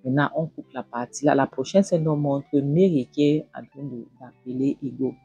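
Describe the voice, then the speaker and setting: A woman's voice: extremely low pitch, fairly even intonation, normal speed, gravelly, warm tone, breathy edge, highs cut off, faint music behind. A woman retelling a film scene by scene in a chatty way, talking straight to her viewers and repeating phrases. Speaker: film recap reviewer.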